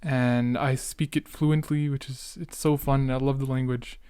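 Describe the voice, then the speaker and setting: Here a Canadian podcast host, late teens to young adult, rambles through a casual solo chat about the past, cutting himself off and dropping youthful slang. The voice is medium-pitched, level, a little slow and dark, captured clean and dry at studio quality.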